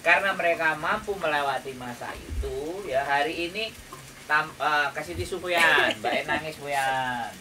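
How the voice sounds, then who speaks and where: Heard from a distant mic in a noisy kitchen with food frying and a crowd in the background, a man with a Javanese accent and a highish, moderately paced voice offers advice. His casual counselling takes an emphatic, lecturing tone, punctuated by rhetorical questions to check in.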